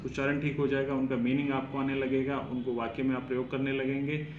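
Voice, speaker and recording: A man's voice: mid-range voice, dull audio, a little hiss or hum. A man, explaining his English pronunciation course to students and repeating words to show how they sound. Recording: echoey room with faint ambience.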